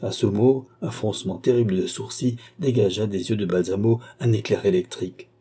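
A man narrating a classic novel as an audiobook in a measured storytelling manner. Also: lowish voice, steady tone, mellow, breathy edge.

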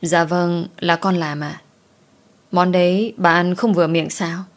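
A woman's voice: lowish voice, fairly even intonation, a little slow. A woman voicing a young maidservant who speaks politely and deferentially. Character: young maidservant, meek but quick-witted.

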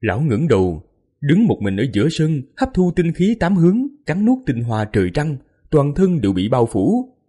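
A man's voice: a little high, sing-song, moderate pace, dark tone, husky. A man reading a fantasy novel aloud in a dramatic, mournful narration style. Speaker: audiobook narrator. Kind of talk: scripted narration.

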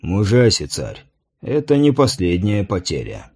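A man voicing a weary, wry male envoy who speaks low, tired and dry. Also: huge pitch swings, a little slow, darkish tone, slightly rough, full character voice. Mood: grave.

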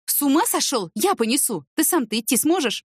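A woman voicing Yana, a restless young woman who talks in quick, pleading exclamations. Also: high-pitched, very animated, no echo, clean studio sound, voice pushed up. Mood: brisk.

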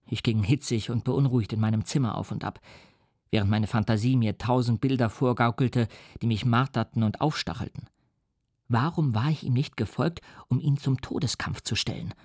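Grave, measured male narrator. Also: mid-range voice, darkish tone, breathy edge, no room sound, clean studio sound. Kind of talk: first-person literary reading for radio.

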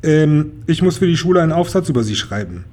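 A man's voice: fairly high pitch, expressive, fast talker, darkish tone. A man voicing a flustered, hesitant little dragon boy in a children's audiobook, stammering over his words. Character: flustered little male food-loving dragon.

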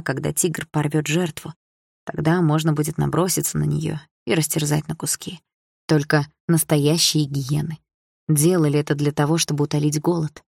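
A woman narrating a first-person novel as an audiobook, in a tense, steady manner. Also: low-pitched, creaky, slightly rough, dry recording, clean studio sound.

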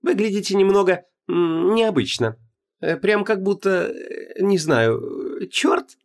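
A sardonic young heroine, put on by a man reading an audiobook, pitched well above his own voice and swinging widely in tone. She stammers and hesitates, then turns her words into sharp sarcasm. The timbre shifts away from the reader's usual sound. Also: very animated, moderate pace, full character voice. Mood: sarcastic. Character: sardonic young woman, heroine and restless spirit.

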